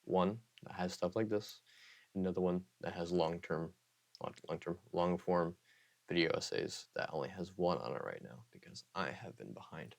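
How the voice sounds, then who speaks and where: A man who hosts an ASMR channel, talking softly with a strained throat and rambling, often correcting himself and slipping into whispers. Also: sits low, moderate pace, vocal fry. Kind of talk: soft-spoken ASMR outro chat.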